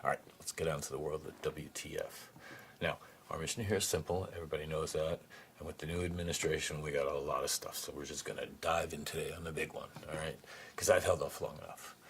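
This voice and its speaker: Low-voiced sarcastic man hosting a podcast. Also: steady tone, fast talker, creaky, slight background noise. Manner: sarcastic and profane, with mocking rhetorical questions; swings between muttered asides and sudden high-pitched outbursts. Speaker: podcast host. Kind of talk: solo political commentary podcast.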